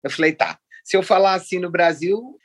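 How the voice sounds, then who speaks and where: A writer in her sixties from Rio de Janeiro, Brazil, chats as a guest in a casual interview, wandering into long digressions and laughing often. Her voice is husky and on the low side, at a normal speed.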